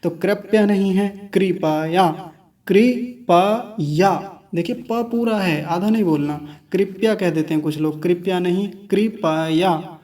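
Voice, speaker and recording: Male Sanskrit teacher, measured and patient, repeats words syllable by syllable, a bit higher pitch, recorded slightly off-mic. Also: a little mellow, distant mic. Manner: slow, deliberate syllable-by-syllable demonstration; contrasts wrong and right pronunciations repeatedly. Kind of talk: recorded online class.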